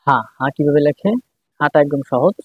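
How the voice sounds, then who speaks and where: Guy teaching kana, says each sound over and over, kinda husky, monotone, thin phone-ish audio. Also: a little high, moderate pace. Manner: patient, repeats each syllable several times. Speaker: Japanese language teacher. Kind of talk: step-by-step writing lesson. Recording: dry, phone-like tinny sound.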